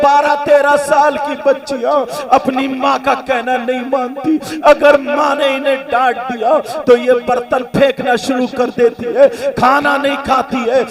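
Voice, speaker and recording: A male preacher telling a story and shouting exhortations in an impassioned sermon at a religious gathering. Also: extremely high pitch, vocal fry. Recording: distant mic with crowd noise.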